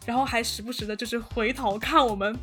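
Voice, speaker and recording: A young woman telling a story in casual chat, animated and full of fillers and restarts. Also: a little high, fast, faint music behind. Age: young adult. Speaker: podcast guest storyteller.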